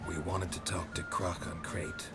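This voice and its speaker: A gruff monster hunter in a video game, his voice sitting extremely low and speaking in clipped, dry phrases. The dialogue comes through over loud game music. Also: flat delivery, normal speed. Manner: terse, dry. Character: gruff middle-aged male monster hunter.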